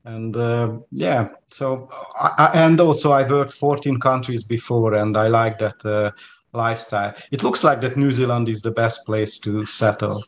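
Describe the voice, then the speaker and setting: A man's voice: mid-range voice, steady tone, normal speed. A man in his forties from Hungary with a Hungarian accent, speaking as an interview guest over a video call, hesitant with many fillers and restarts. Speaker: guest lecturer. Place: home room with plants. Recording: faint background noise on video call.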